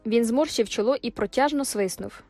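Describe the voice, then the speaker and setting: A woman reads a classic novel aloud in measured storytelling, her voice fairly high. The sound is dry and close, with faint music beneath. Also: warm tone, no room sound. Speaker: audiobook narrator. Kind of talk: scripted narration.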